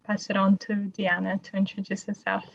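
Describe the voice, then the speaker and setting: A woman from Brazil presenting her team's project over a video call in a measured way. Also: mid-range voice, monotone, creaky, dull audio, slight background noise. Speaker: policy analyst, presenter.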